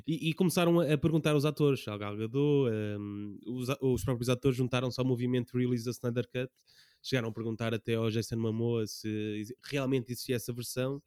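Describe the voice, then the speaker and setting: A man co-hosts a casual podcast about films. His voice is crisp and sits in a very dry, close sound. He explains things conversationally, often doubling back on his words. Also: medium pitch, steady tone, a little fast, dark tone, dry recording. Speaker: podcast co-host. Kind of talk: casual film discussion.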